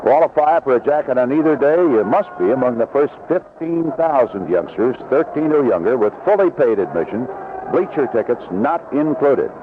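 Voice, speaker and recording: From an open-air ballpark booth, a man with a medium pitch and very animated delivery calls the game at a moderate pace, slipping promo reads between plays. The old AM radio recording is noisy and band-limited, with a phone-like quality.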